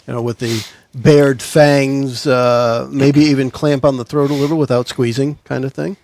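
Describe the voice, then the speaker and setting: A man acting as game master, casually narrating a tabletop game in a halting way as he searches for words. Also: medium pitch, steady tone, a little mellow.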